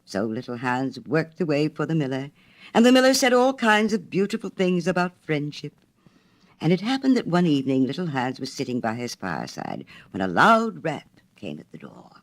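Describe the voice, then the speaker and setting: A storyteller reads a literary story aloud theatrically, using dramatic phrasing in expressive storybook narration. Her voice is low and sing-song, at a normal speed.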